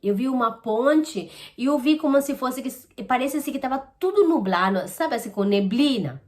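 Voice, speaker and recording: A woman giving a personal spiritual testimony, earnest and halting, with many restarts. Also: sits high, expressive, a little mellow. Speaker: testimony giver.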